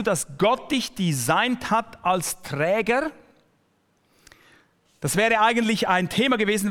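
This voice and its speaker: This male pastor's sermon speaks straight to the listener in a personal way, often easing off and dropping almost to a whisper for emphasis. He has a high, slightly bright voice, and the audio carries a big-room sound.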